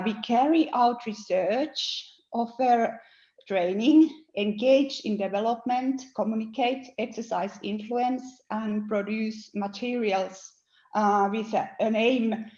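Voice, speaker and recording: A woman's voice: mid-range voice, darkish tone. A woman with a Finnish accent introducing her organization in a careful, list-like way. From Finland. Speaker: organization representative. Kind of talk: self-introduction at a meeting. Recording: dull, echoey video-call audio.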